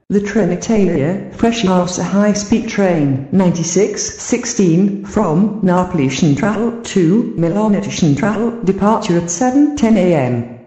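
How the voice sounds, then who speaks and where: A woman reading formal train station announcements in a calm, measured delivery. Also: on the low side, echoey room, lo-fi sound.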